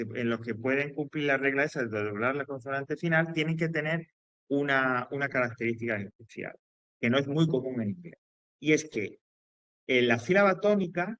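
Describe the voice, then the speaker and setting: Casting note: Spaniard, male teacher mid-lesson, mid-pitched voice, dry close sound. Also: a bit bright, no echo, dull audio. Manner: explanatory, with frequent fillers, restarts and checks like "¿vale?". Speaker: English teacher. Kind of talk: classroom grammar lesson.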